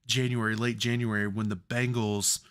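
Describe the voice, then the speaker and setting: A man's voice: fairly low pitch, level tone, normal speed, fairly bright tone, clean tone. A man co-hosting a sports podcast, telling heated, profane stories in casual chat. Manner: profane, worked-up storytelling. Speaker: podcast co-host.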